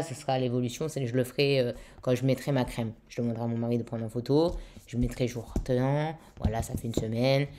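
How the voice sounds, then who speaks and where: Young woman, very low voice, warm and dark, casual vlog chat, lots of fillers, casual swearing, slightly weak throat. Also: a little hiss or hum. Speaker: vlogger.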